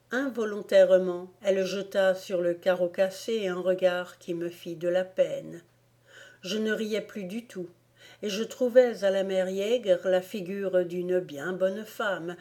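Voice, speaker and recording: A woman narrating a classic storybook in a calm, measured voice. She reads very slowly, with a low, dark, mellow tone. The delivery is steady and gentle. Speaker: audiobook reader.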